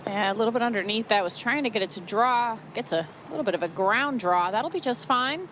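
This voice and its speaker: A woman's voice: on the high side, lively intonation, fairly quick, fairly bright tone. A woman giving live on-course golf commentary in an outdoor broadcast. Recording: outdoor broadcast with clear background noise.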